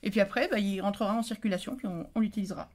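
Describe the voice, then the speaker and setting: A woman's voice: medium pitch, rapid-fire. A woman hosting a casual unboxing vlog for her crafting channel. She gushes, repeats herself and talks to her viewers while she opens a parcel. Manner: gushing, excitable, repeats herself.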